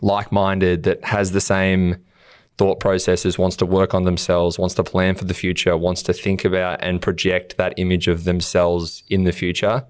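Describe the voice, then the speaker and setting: A man's voice: sits low, completely flat delivery, normal speed, smooth, no room sound, clean studio sound. An Australian man co-hosting a podcast, talking earnestly in a casual motivational chat and acting out things he would say to himself. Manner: earnest, acts out quotes of himself. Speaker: podcast co-host.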